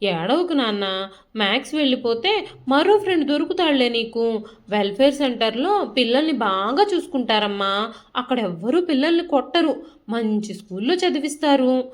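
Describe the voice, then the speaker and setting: A woman's voice: high-pitched, lively intonation, moderate pace. A woman voicing a loving older grandmother who talks in a coaxing, tender way, in a storybook reading. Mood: soothing.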